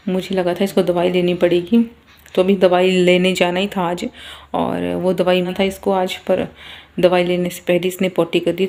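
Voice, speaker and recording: A young woman vlogging casually about her day with her children, sounding tired and sleepy, keeping her voice soft so the baby stays asleep. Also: fairly low pitch. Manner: chatty, talking softly to avoid waking a baby. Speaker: vlogger, mother. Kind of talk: casual family vlog talk. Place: outdoors on a home rooftop.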